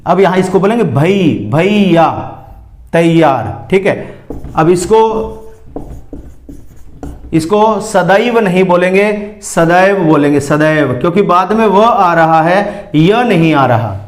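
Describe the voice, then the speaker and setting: A man teaching a spelling lesson, slowly repeating each word to show how it is said. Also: high voice, animated, echoey room. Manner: slow, careful, repeats words to show pronunciation. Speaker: Hindi grammar teacher.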